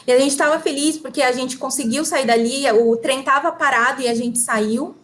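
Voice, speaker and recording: Phrase after phrase, a high-voiced woman interprets a talk consecutively, her Brazilian Portuguese accent clear. Her delivery is rapid, matching the speaker step for step.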